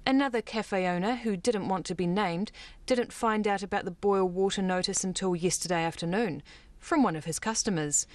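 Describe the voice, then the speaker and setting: A woman with a New Zealand accent narrating a radio news report in a clear, even tone. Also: mid-range voice, moderate pace, no echo.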